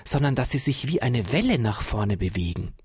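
A man voicing a curious young boy who asks eager, sometimes hesitant questions, his voice raised high and a little husky. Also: very animated, moderate pace, darkish tone.

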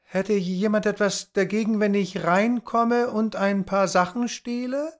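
A man voicing a cheeky young male thief with a high, strained voice that turns to panicked shouts. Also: steady tone, measured pace.

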